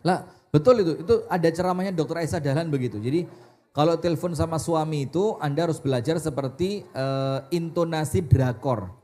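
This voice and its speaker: A man preaching a sermon, animated, asking the audience questions and answering them himself. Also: fairly high pitch, brisk.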